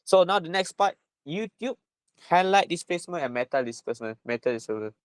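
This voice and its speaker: A Malaysian-accented chemistry tutor gives an informal lesson in a high, animated, brisk male voice. He repeats himself a lot and keeps tagging his phrases with little checks like "right?" and "lah."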